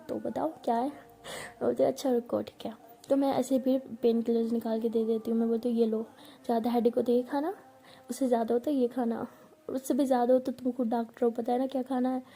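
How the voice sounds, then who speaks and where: A woman's voice: fairly high pitch, vocal fry, mellow. A woman narrating a first-person love story in a tender, intimate way, acting out the dialogue herself. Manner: tender, intimate, voices both partners in the story.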